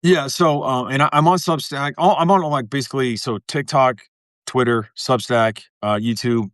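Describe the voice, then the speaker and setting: A man's voice: medium pitch, fairly even intonation, moderate pace, fairly bright tone, dry recording, studio quality. A man talking as a guest in a casual interview, rambling and restarting his sentences, swearing now and then.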